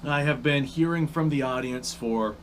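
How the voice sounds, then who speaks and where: A man's voice: mid-range voice, normal speed, a little hiss or hum. A man talking casually to camera, with upspeak that rises at line ends and rambling restarts, with the hiccups. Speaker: YouTube creator.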